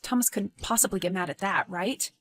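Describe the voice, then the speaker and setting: A woman voicing a gentle, principled young male teacher in an animated story, speaking softly and earnestly. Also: medium pitch, brisk, natural voice. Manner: soft, subdued, earnest.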